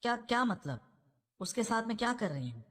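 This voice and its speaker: A woman's voice: fairly high pitch, very animated. A woman voicing a stern, defensive mother. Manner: sharp, defensive. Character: widowed middle-aged mother, defensive and stern.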